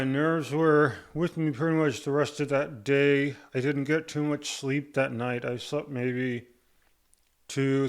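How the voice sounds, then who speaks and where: Speaking to camera in a casual update, this man has a mid-range voice and struggles to talk because rubber bands restrict his jaw after surgery. Saliva collects in his mouth as he goes.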